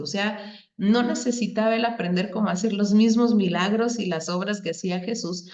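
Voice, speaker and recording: A woman's voice: mid-range voice, darkish tone. A middle-aged woman teaching a Bible class, explaining patiently and asking the class questions. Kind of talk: Bible lesson. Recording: echoey room, dull lo-fi sound.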